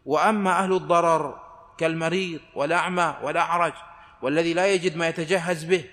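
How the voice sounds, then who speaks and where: A man delivers a scripture lesson in a slightly raised voice, reciting verses slowly and deliberately before explaining them. His words ring out with a long reverb, as if spoken in a large hall. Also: fairly high pitch, steady tone, fairly bright tone. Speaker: Islamic scholar giving Quran commentary. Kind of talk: religious lesson, measured tafsir reading.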